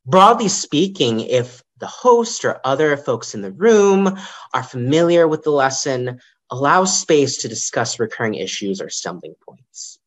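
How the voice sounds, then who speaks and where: A man's voice: mid-range voice, unhurried. A young man, a librarian, giving a prepared lightning talk over a video call, with the occasional um. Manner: lively, varied intonation, occasional ums.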